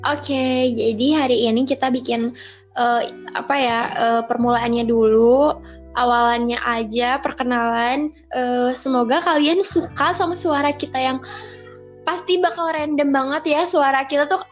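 High-voiced chatty young woman, muffled. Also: steady tone, measured pace, faint music behind. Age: young adult. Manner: chatty, talkative, outgoing. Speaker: podcast co-host. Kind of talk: casual chat. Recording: muffled lo-fi recording.

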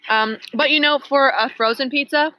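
A young woman with a bright, slightly high voice is a guest on a casual podcast. She speaks in a measured, considered way. The recording is dry and close. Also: dry recording, poor audio. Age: young adult. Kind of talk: casual chat.

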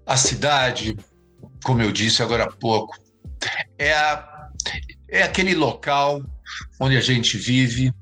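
Male expert guest, bright forceful tone, halting speech with many restarts, soft music under the voice. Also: mid-range voice, poor audio. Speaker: interview guest, urban planning expert. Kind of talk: reflective interview answers.

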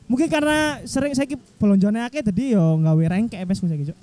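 Fast-talking young Surabaya man, dry sound. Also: high voice, dark tone, no room sound. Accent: East Javanese (Surabaya). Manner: rapid, slangy, curses casually. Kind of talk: casual podcast chat.

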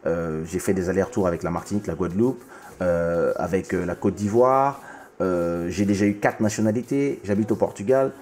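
A man's voice: sits low, brisk, a little mellow. A man born in the Congo hosting a casual music interview, talking with many restarts and repeated words. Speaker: host.

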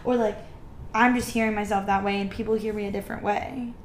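A young woman in her twenties co-hosting a podcast, chatting in an animated way from a couch. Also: medium pitch, fast, roomy sound, a little hiss or hum. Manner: animated, gasping and laughing. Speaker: podcast co-host. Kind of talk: casual chat. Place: apartment couch.

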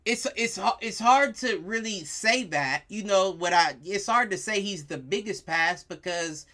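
An American woman in a heated, casual sports debate, speaking emphatically with slang, swearing and quick interjections. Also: mid-range voice, animated, pushed and bright.

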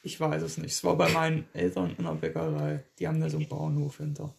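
A man's voice: on the high side, monotone, fast, creaky, slight background noise. A young man and podcast co-host, telling rambling anecdotes in casual chat and laughing as he goes.

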